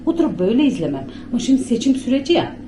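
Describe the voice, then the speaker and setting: A woman's voice: on the high side, sing-song, racing, warm tone, a little hiss or hum. A chatty woman with a Bulgarian Turkish accent, talking casually to her camera at home as she rambles and laughs often. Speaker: vlogger. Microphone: handheld camera.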